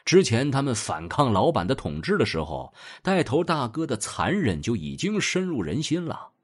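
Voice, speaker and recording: Lively male audio drama narrator. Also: mid-range voice, moderate pace. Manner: dramatic, expressive storytelling.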